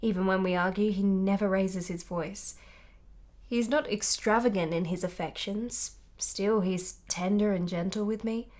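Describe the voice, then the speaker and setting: Acting in a period radio drama, an actress plays a passionate young married woman, candid and intense, her measured delivery full of yearning in a reflective mood. Her mid-pitched, articulate voice is steady and a little mellow, close to how she would normally speak.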